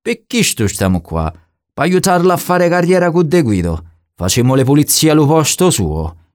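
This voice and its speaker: A man voicing a rough, vengeful bandit chief who speaks in a southern Italian dialect, gruff and blunt. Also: fairly high pitch, sing-song, moderate pace, a little mellow, a little hiss or hum, pitched above the performer's own voice. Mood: menacing.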